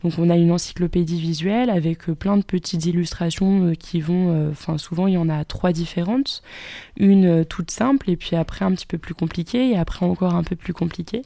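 A woman recommending books on a radio show. She speaks quickly and keeps hesitating and correcting herself. Her voice is soft and mellow, and the recording is close and dry. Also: lowish voice, vocal fry, no echo. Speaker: radio book columnist.

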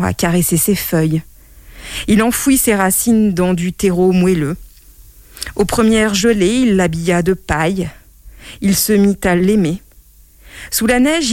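Slow, gentle woman storyteller. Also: mid-range voice, no echo. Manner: slow, measured, gentle reading. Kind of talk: scripted storybook narration.

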